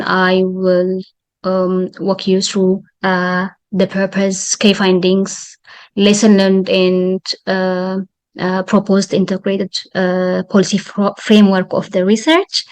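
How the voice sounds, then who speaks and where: A woman from Ethiopia presents her research over a video call, speaking into a computer microphone. She speaks at a middle pitch and moves haltingly through her points, with many fillers and restarts. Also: completely flat delivery. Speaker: presenting fellow.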